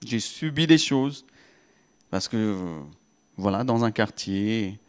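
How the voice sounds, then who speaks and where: A man's voice: lowish voice, expressive, slow pace, clear, resonant tone. A man, preaching a testimony with many restarts that build into fervent peaks. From Pakistan. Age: 30s. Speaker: guest preacher. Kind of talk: sermon testimony.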